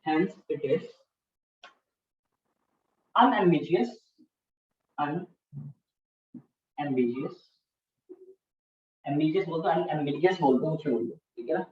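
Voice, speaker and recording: A man's voice: a little high, lively intonation, extremely slow, pauses often. A man teaching a class, repeating key terms and often checking that students follow. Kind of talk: classroom lecture. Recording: distant, echoey, dull-sounding classroom recording.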